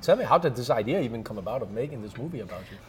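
A man's voice: mid-range voice, animated, very fast. A man hosting an interview over lunch, hesitant, with many uhs and repeated words. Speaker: podcast host.

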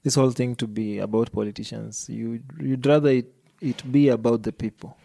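Gravelly, mellow man. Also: mid-range voice, steady tone, fairly quick. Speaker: podcast host. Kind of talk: casual discussion.

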